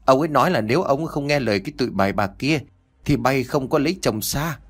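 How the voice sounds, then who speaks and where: A man's voice: medium pitch, animated, fast, slightly rough. A man voicing an anxious elderly country mother who rambles and stammers on the phone. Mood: anxious, chatty. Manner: rambling, stammering southern-rural speech.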